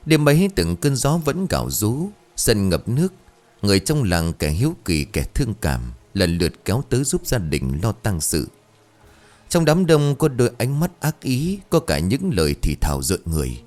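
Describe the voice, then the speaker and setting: A man's voice: on the low side, sing-song, moderate pace, a little mellow, faint music behind. A man narrating a ghost story in a dramatic, suspenseful way.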